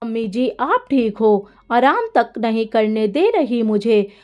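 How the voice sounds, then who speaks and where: A woman's voice: a little high, sing-song, slow pace, a little mellow. A woman voicing an irritable older mother-in-law who snaps and scolds when her rest is disturbed in a spoken story. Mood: complaining. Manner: snappish and scolding.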